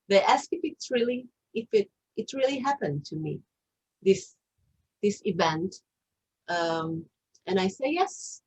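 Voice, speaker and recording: Husky-voiced woman presenting online. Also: mid-range voice, dull audio. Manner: hesitant, explanatory, many fillers and restarts. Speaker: author presenting her book.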